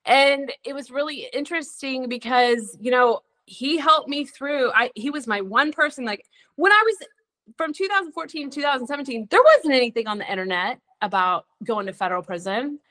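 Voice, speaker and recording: A woman's voice: sits high, expressive, moderate pace, fairly bright tone. A woman on a podcast frankly telling her own story in a chatty way, often slipping into quoted dialogue. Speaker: podcast guest. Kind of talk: candid personal storytelling.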